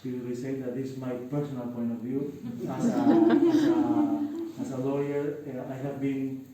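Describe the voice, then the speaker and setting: A man with a Spanish accent, a lawyer, speaking haltingly in English with many fillers during a panel discussion in a classroom. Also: mid-range voice, animated, crowd noise. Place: university classroom. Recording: echoey classroom, distant mic.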